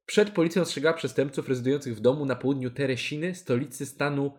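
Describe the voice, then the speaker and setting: A man's voice: medium pitch, quick pace, a little mellow. A man co-hosting a casual comedy chat, joking as he reads news items aloud. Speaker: podcast co-host reading news items.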